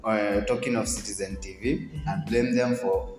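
A man with a Kenyan accent talks casually in a group discussion, in a fairly low voice. He restarts and repeats his words as he goes. The sound is that of a reverberant hall, with faint music behind him. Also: fairly even intonation, moderate pace. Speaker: podcast co-host. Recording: echoey hall, distant mic, faint music.

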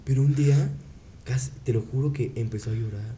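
A young man with a Mexican accent rambles through jokey anecdotes in a relaxed, casual chat. His voice sits at an ordinary pitch with a mellow, warm tone, and a faint low rumble hums underneath. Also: a little fast. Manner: joking, rambling storyteller. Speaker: co-host.

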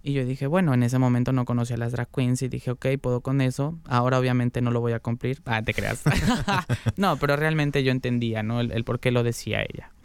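A man's voice: medium pitch, steady tone, brisk, smooth, dry recording. A young man with a Mexican accent, an interview guest candidly telling a personal story in casual talk, laughing often and using slang.

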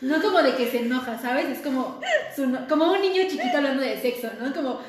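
A young Mexican woman chatting casually as a podcast guest, relaxed and slangy, telling anecdotes with a laugh. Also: high-pitched, fast talker. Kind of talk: casual chat. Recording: very echoey room with faint noise.

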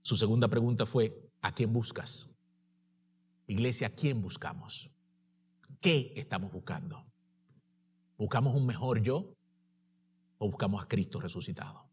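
A man preaching a sermon to his congregation, swinging from impassioned declarations to soft, tender passages. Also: on the low side, measured pace, pauses often, husky.

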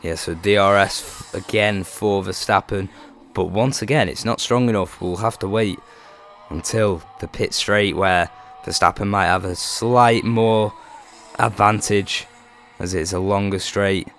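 A low-pitched man works as a motorsport commentator, calling a race alongside a partner. His delivery lifts with excitement as the action builds. There is faint noise on the recording. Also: a little slow.

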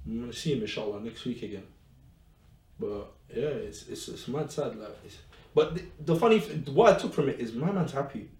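A man's voice: medium pitch, a little fast. Slangy man in an echoey room. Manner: relaxed slangy talk, repeats phrases. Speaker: podcast co-host. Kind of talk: casual chat. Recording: echoey room, mic at a distance.

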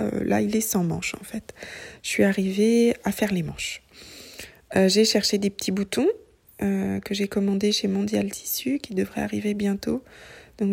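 A woman in her thirties chatting casually about her knitting in a vlog, soft-spoken and often drifting into a whisper. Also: mid-range voice, gravelly, slightly rough. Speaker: knitting vlogger. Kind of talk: casual chat.

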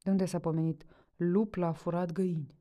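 A woman's voice: fairly low pitch, flat delivery, warm tone, natural voice. A woman reading a story aloud voices a curt male deputy giving reports.

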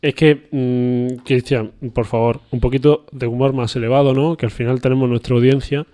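Male host, average pitch, riffs into absurd stories with mock gravity. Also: steady tone, normal speed, warm tone, clean tone. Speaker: podcast host. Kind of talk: casual chat.

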